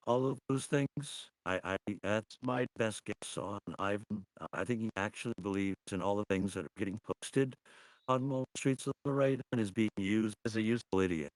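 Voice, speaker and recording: A man talking on a livestream through a voice changer, halting and full of fillers and restarts. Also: lowish voice, no echo, rough recording. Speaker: livestream host. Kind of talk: casual livestream commentary. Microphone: computer mic on a livestream.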